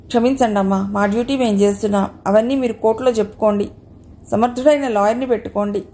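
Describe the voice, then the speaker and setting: Woman voicing a firm male police inspector in a storybook reading, slightly high and mellow. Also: fairly even intonation, fast talker, lightly acted. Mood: stern. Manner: firm, official.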